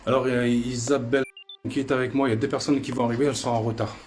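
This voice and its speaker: A man's voice: medium pitch, level tone, very fast, darkish tone, soft background music. Hesitant man narrating a house investigation. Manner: hesitant, repeats himself often. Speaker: paranormal investigator. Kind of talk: casual vlog narration. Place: inside an old house. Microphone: handheld camera.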